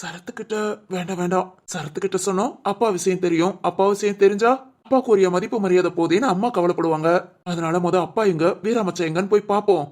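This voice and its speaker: Performer voicing a cartoon young son, mid-pitched voice, rapid talk, earnest and protective. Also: a little mellow, close to an everyday voice. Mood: brooding. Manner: quick, earnest reassuring talk. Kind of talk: animated family drama dubbing.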